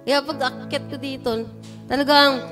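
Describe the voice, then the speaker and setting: Higher-voiced woman giving her testimony at a church prayer meeting; storytelling that builds into fervent praise, with instrumental music behind. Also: moderate pace. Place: church sanctuary.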